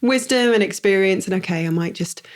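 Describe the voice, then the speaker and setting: A woman's voice: medium pitch, brisk. A woman hosting a podcast interview, affirming and encouraging her guest. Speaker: podcast host.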